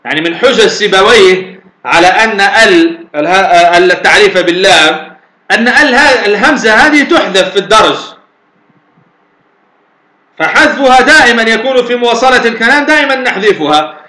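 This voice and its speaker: A man's voice: sits high, lively intonation, a little fast, sharp tone. A man teaching as a sheikh in a recorded lecture, patiently explaining and posing then answering his own questions. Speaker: sheikh teaching Arabic morphology. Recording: echoey room.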